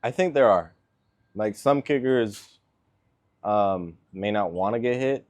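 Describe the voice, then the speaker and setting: A man in his twenties, born in Venezuela and raised in Miami, answering interview questions as an NFL kicker in a relaxed way, with lots of filler words. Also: on the low side, slow pace. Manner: laid-back, lots of ums and likes.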